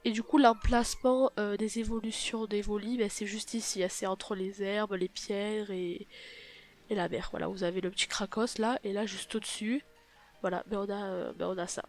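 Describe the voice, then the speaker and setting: A woman with a cold, her voice nasal and stuffy from a blocked nose, hosts a YouTube gaming video. Her mid-range voice keeps a fairly even intonation at normal speed as she gives a casual, hesitant tutorial, often correcting herself and apologizing. Soft music plays in the background.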